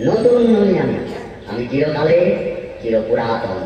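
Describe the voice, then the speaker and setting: A man's voice: a little high, very animated, unhurried, mellow. A man playing a solemn, timeless divine being, declaiming in a historical stage drama. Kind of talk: dramatic verse monologue in a historical play. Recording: muffled, distant, long hall reverb.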